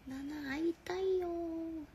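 A woman in her late twenties chatting casually on a phone livestream from a dim room at night, speaking softly and sometimes in whispers. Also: extremely high pitch, takes it slowly, a little hiss or hum. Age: 20s. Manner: soft, quiet and relaxed, dropping to whispers. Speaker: livestream host. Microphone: phone held close.

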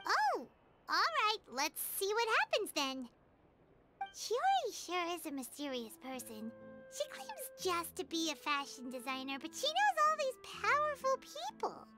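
A woman voicing a tiny, chirpy and nosy fairy companion in a game, in a high childlike voice. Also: wildly swooping pitch, exaggerated voice. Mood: curious. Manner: bubbly, curious, quick to comment. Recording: game audio with loud music.

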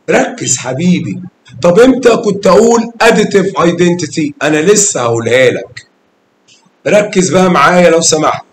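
In an echoey classroom, a man whose voice sits a little high coaxes children through a math lesson in an Egyptian Arabic accent, asking questions and addressing pupils fondly by name. A faint hiss or hum runs underneath.

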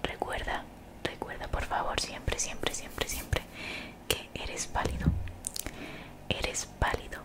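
A young woman gives soothing, motivational ASMR in a breathy whisper very close to the mic, gently repeating phrases. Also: takes it slowly, long pauses. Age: young adult. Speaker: ASMR creator. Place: small bedroom, indoors. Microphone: desktop condenser mic, very close.

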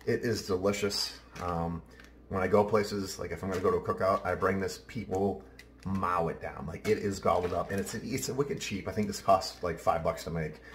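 Casual home-cook host, New man, low voice, off-the-cuff, picked up from across a roomy kitchen. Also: fairly even intonation, moderate pace, far from the mic, slight background noise. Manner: chatty, offhand, talks while working. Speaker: home cooking show host. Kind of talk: casual cooking demonstration. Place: large home kitchen, indoors. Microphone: camera mic at a distance, then close to camera. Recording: roomy kitchen sound, heard from afar.

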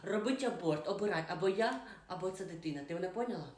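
A gruff drunken husband barks curt orders and threats, put on by a woman. The low, blunt voice rings in a roomy echo. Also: expressive, fast, a little mellow, lightly acted. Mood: angry.

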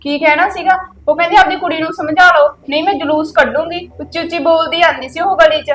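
A woman's voice: very high voice, steady tone, fairly quick, a bit bright, slight background noise. An actress playing a stern sister-in-law who scolds her young relative, speaking with a Punjabi accent. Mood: scolding. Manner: reproachful, scolding. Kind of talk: village web-series drama.

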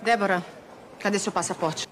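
A woman's voice: medium pitch, fairly even intonation, normal speed, soft background music, natural voice. An actress playing a stern, impatient, controlling mother with a Brazilian accent in a TV soap.

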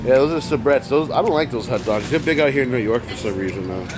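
A man's voice: mid-range voice, fast. A man filming a casual vlog on a handheld camera, joking around with friends. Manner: joking, laughs often, says "bro". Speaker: vlogger. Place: outdoors and in a shop. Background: music.

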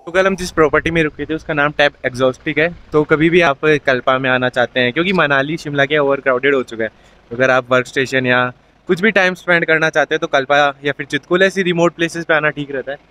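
A young man in his twenties, voice a little high and pace quick, films a casual travel vlog at arm's length on a phone or camera. He's relaxed and chatty, often saying "yaar," as he moves along mountain roads and hotel grounds outdoors, with slight background noise.

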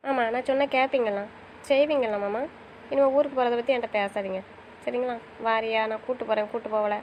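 A young woman chatting with her husband in a quick, rather high voice. She talks at a brisk pace, affectionate and teasing, now pleading and now playful. It is casual couple banter. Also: a little mellow, a little hiss or hum, low-quality recording. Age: young adult. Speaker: wife in a couple's chat.

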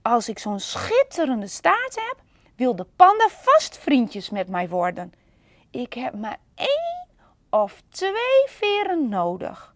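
A woman voicing a lonely, eager young male panda in a picture-book reading, with high, bouncy exclamations. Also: wildly swooping pitch, slow, no echo, heavily acted.

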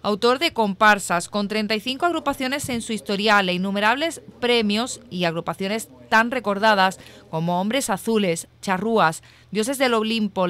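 A woman's voice: medium pitch, fairly bright tone. A woman with an accent from Spain reading a scripted television news report as the reporter.

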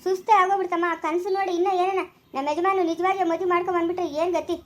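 A woman's voice: extremely high pitch, little pitch movement, racing. A woman acting as a young village wife in a family skit, wailing and lamenting over her husband. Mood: fretful.

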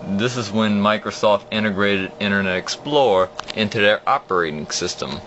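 This is a young vlogger with a deep voice, speaking at an ordinary pace while he shows off an old computer indoors at his desk. His talk wanders, he often starts over, and he describes what he clicks in a casual walkthrough. Sound comes from a phone held at the screen, muffled and humming.

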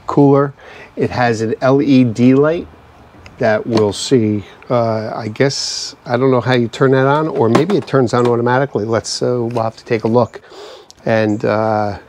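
Chatty man unboxing on a patio. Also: medium pitch. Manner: relaxed, chatty, thinking aloud with fillers. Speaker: product reviewer. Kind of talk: casual unboxing review. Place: screened outdoor patio.

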